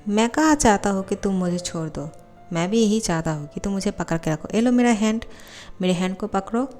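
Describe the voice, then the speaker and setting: A woman voicing a calm, teasing young male college student who coaxes his rival, in a storybook reading. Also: medium pitch, brisk, faint music behind, close to an everyday voice. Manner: teasing, coaxing.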